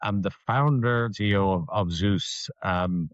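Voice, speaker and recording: An older man with an Irish accent and a very low voice, speaking with lots of energy and frequent "um"s as a guest on a podcast. The sound is dry and a bit dull, like a modest mic on a video call. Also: a little slow, no echo. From Ireland. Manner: energetic, many "um"s and restarts. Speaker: guest, company founder. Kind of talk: podcast interview.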